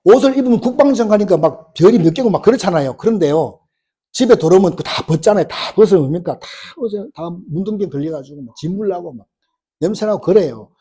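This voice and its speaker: A man's voice: high-pitched, expressive, quick pace, dark tone, slightly rough. A male pastor preaching a sermon, telling a story with many rhetorical questions and acting out the quoted lines. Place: church sanctuary.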